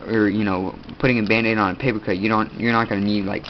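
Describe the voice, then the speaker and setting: Showing his equipment in a relaxed show-and-tell, the teenage host talks with a congested nose in a steady voice on the low side. He meanders, stumbles, and leans heavily on fillers. The recording is muffled and lo-fi, with a little room noise.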